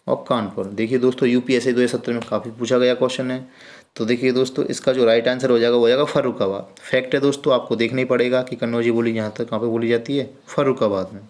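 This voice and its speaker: A man's voice: medium pitch, little pitch movement, fast. A man teaching an exam-prep lesson, going through quiz questions step by step and answering his own questions. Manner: explains step by step, often saying "friends"; asks the class questions and answers them himself.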